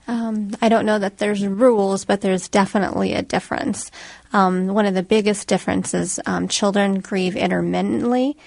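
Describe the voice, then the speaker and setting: A woman guest answering in a radio interview with plain explanations and frequent ums. Her voice has a noticeable fry and stays fairly even in melody, recorded dry and close. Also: medium pitch, moderate pace, no room sound. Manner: plain-spoken explaining, filler-heavy. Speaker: hospice program worker, interview guest.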